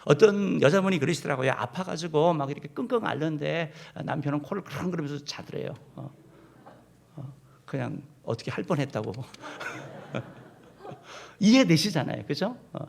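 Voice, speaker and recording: A male pastor delivers a sermon in a church sanctuary, speaking straight to his congregation. His voice sits a little high for a man and carries a gravelly edge. He leads the room through scripture readings as he goes. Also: animated, normal speed, a little mellow, slight background noise. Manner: addresses the congregation directly, leading them in reading. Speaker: senior pastor.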